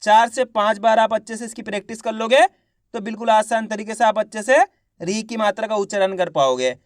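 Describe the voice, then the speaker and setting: A man giving an online lesson on reading in Hindi. He asks a question, answers it himself, and repeats each syllable slowly. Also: high-pitched, no room sound, clean studio sound. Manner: slow, drawn-out syllables when sounding out letters.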